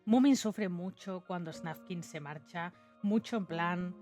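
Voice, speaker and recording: A woman's voice: lowish voice, measured pace, darkish tone. A woman with an accent from Spain giving casual video essay commentary in an informal, chatty manner. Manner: informal and chatty, with conversational tag questions. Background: background music.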